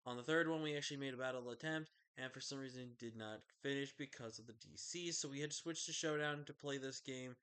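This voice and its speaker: A man's voice: mid-range voice, fairly quick, few pauses, a bit bright, smooth. A man giving casual commentary over his own online game match, sleepy and yawning late at night, talking in a loose, chatty way with fillers and self-corrections.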